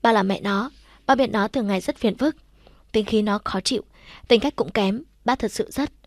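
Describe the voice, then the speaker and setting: Woman reading as a sick older mother, weak, gentle, plain mid pitch. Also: normal speed, no echo, clean studio sound, close to an everyday voice. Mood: tender. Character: gravely ill older mother, tender and weak.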